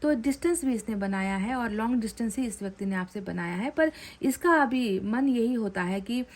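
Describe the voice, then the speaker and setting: A woman's voice: a little high, animated, moderate pace, darkish tone. Earnest woman giving a tarot reading. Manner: chatty, often ends phrases with a tag question; earnest, repeats and rephrases points. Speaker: tarot card reader. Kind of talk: pick-a-card tarot reading addressed to viewers.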